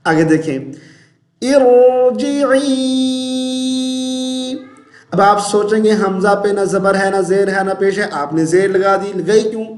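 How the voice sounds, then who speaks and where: High-voiced man drilling recitation, echoey room. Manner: patient, repeats syllables slowly and chants verses in drawn-out tones. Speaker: Quran recitation teacher. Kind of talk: tajweed pronunciation lesson.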